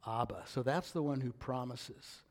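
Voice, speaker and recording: An older man preaching a sermon, reading scripture aloud and swinging between loud, emphatic declarations and hushed, near-whispered lines. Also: medium pitch, lively intonation, measured pace. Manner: reads scripture aloud with rising intensity. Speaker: pastor.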